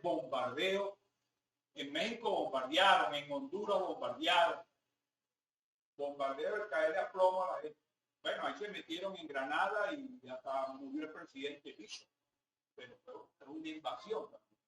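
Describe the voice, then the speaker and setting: A man's voice: on the high side, unhurried, a bit bright. A Venezuelan man, a professor, giving a classroom lecture in a chatty way with rhetorical asides to his listeners. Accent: Venezuelan Spanish. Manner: conversational, rhetorical asides to the audience. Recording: roomy hall, mic at a distance, faint background noise.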